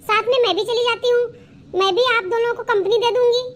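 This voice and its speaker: [name], a woman voicing a high sweetly pushy sister. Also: fairly even intonation, brisk. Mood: coaxing. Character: meddling young woman, sister-in-law. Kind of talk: cartoon voice acting.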